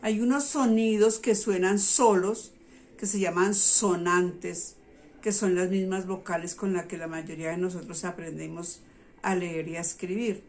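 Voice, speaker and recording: A middle-aged woman teacher patiently explaining a reading method to parents, often pausing to check they follow. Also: lowish voice, fairly even intonation, a little mellow, slight background noise.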